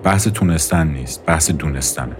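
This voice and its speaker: A man's voice: rumbling low, slight background noise, voice pushed down. Man voicing a cool, sardonic young woman. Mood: dry, matter-of-fact. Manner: dry, quietly mocking, matter-of-fact.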